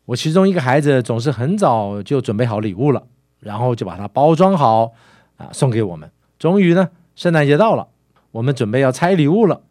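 A man preaching a sermon in a lively storytelling way, sprinkling in soft filler sounds. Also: medium pitch, brisk, no echo, clean studio sound.

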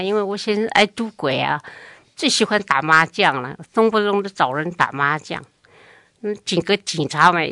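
Recounting her family's past at length for an oral history interview, an older woman speaks with liveliness and voices the speech of others. Her pitch is medium, with no room sound.

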